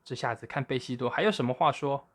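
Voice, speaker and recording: A man voicing an excited young boy raised by wolves, shouting eagerly. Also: medium pitch, fast, natural voice.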